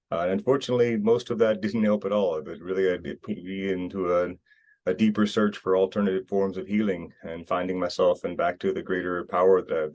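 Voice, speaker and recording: A man's voice: low-pitched, darkish tone. A man from the United States, talking earnestly as an interview guest, rambling with many restarts. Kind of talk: casual interview talk. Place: Costa Rica.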